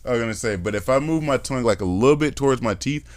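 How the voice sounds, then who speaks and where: This podcast host's medium-pitched voice races along with no room sound. His casual chat is lively and rambling, peppered with accents he acts out while working through his ideas.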